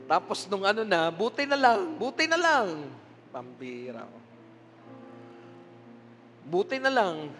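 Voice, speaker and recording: High-voiced Filipino preacher in echoing church. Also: male voice. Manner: animated storytelling, laughs often. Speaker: pastor. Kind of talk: preaching a sermon. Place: church sanctuary. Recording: long hall reverb with music behind.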